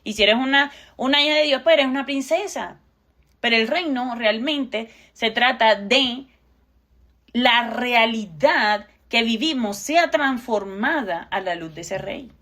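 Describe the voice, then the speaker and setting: Higher-voiced woman, earnest preacher. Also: a little slow, fairly bright tone. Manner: earnest, conversational preaching with rhetorical questions. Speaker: co-host.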